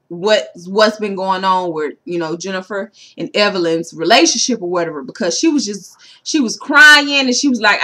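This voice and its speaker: A woman's voice: medium pitch, pushed and bright. A woman in a casual vlog, recapping a reality show episode for her viewers and saying "you know" constantly. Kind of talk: casual chat to camera.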